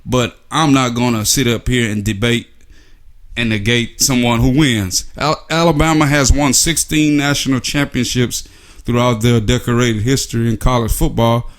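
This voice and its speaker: A man's voice: medium pitch, fairly even intonation, moderate pace. Sarcastic man ranting about sports. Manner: sarcastic, rhetorical, filler-heavy. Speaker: sports commentary vlogger. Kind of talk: casual opinion monologue.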